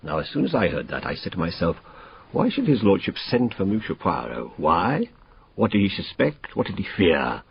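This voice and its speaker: An actor playing a blunt, cocksure English police inspector with colloquial, matter-of-fact delivery in a radio drama. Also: male voice, sits low, wildly swooping pitch, moderate pace, creaky, a little hiss or hum, full character voice. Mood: blunt, scornful. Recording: muffled radio drama recording.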